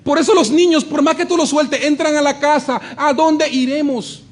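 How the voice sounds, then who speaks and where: A man preaching a sermon, acting out quoted voices and swinging between hushed and shouted lines. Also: extremely high pitch, a little fast. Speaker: pastor.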